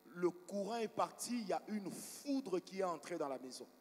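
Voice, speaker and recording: A high-pitched male preacher, telling stories from the pulpit and drawing replies from the congregation. His voice rings through a large church hall with a long reverb tail. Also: expressive, normal speed. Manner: storytelling preacher, asks the congregation for responses. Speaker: pastor. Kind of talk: sermon.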